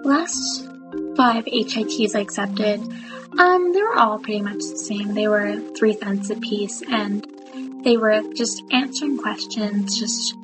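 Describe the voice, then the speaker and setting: A woman's voice: medium pitch, a little slow, music in the background, poor audio. Woman from Toronto answering casually. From Toronto, Ontario. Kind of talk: answering interview questions.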